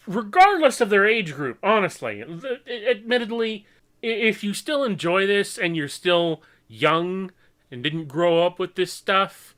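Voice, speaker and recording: A young man talks through his opinions off the cuff in a clear, smooth voice that sits a little high. He is earnest and exasperated, and his delivery is halting, with repeated words and stammered restarts. The pace is slow and deliberate. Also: a bit bright. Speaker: online animator and creator. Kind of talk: unscripted opinion vlog.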